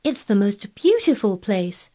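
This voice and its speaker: A woman's voice: mid-range voice, normal speed, warm tone, pitched above the performer's own voice, close to an everyday voice. A woman reading aloud, voicing a blunt, contrary girl who speaks earnestly and stubbornly. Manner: obstinate, earnest, eager describing.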